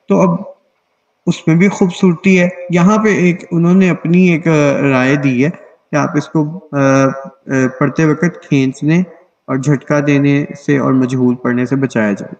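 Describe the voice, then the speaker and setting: Guy teaching tajweed on a video call, patient, keeps checking everyone gets it, slightly high voice, muffled audio. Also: a little mellow. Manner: explains patiently, often checks in with "theek hai?". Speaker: Quran recitation teacher. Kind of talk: online tajweed class.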